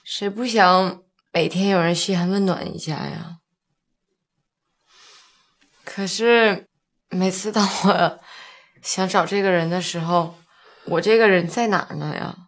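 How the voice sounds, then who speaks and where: A woman's voice: lowish voice, a little slow, pauses often. An actress playing a heartbroken young village woman, drunk and tearful, pleading, in a TV drama with violin music behind. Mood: drunk sorrowful. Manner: tearful, pleading, slurred from drink. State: drunk and crying. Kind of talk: TV drama acting.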